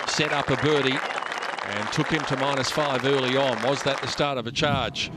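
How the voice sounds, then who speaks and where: A man commentates on golf highlights in a medium-pitched voice. Loud crowd sound and heavy outdoor noise sit behind him as he narrates the tournament. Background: loud golf crowd and outdoor ambience.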